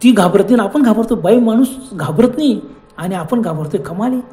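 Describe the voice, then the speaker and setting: Imagine a storyteller doing a cocky young man in a ghost story, waving off his friends' fears with teasing insistence. The voice is dark and mellow, close to the teller's own. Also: sits high, a little fast, natural voice. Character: bold young men mocking their scared friends.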